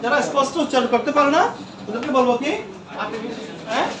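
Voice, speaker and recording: A man's voice: extremely high pitch, fast talker, a crowd in the background. A male teacher lecturing a classroom, repeating terms and quizzing his students. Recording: echoey room from far off.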